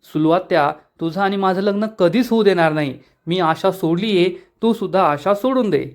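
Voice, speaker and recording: A man reading out the lines of a gentle, resigned young village man in a soap recap. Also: sits high, normal speed.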